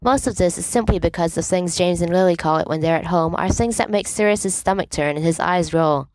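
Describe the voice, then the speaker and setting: Reading fan fiction as a volunteer narrator, this woman has a fairly low, slightly mellow voice and moves at a fairly quick clip. Her expressive delivery is wry and comically emphatic. The audio is poor but has no echo.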